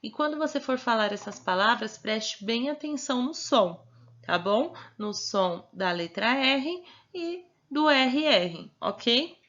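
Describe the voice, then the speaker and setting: A woman teacher giving a recorded remote lesson, patiently sounding out words slowly and checking that the child follows. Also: fairly high pitch, expressive, a bit bright. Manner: patient, slow, spelling words out. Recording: muffled lo-fi recording.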